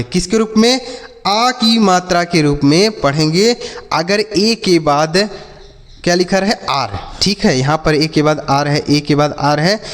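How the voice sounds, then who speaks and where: A man with a high, light voice teaches English phonics to children. He spells each word out slowly, letter by letter, then asks the class and answers himself. The room has a long, ringing reverb. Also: fairly bright tone. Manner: repeats questions to the class and answers them himself. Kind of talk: classroom lesson.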